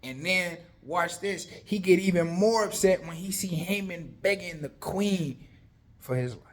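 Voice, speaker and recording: A man casually retelling a Bible story, animated and conversational, full of slang. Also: high voice, measured pace.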